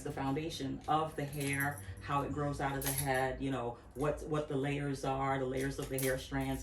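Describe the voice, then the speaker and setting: Low-voiced woman in her fifties, echoey room. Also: a little hiss or hum. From Barbados. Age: 50s. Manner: reflective, rambling with restarts and laughs. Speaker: interview guest, natural hair care practitioner. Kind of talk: casual interview talk. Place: her home workspace. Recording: echoey room, far from the mic.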